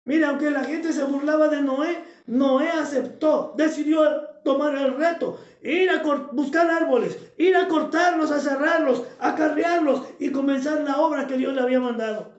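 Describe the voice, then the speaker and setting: A male pastor, preaching a sermon with passion, shouting for emphasis and repeating his phrases. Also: very high voice, moderate pace, few pauses, reverberant, lo-fi sound.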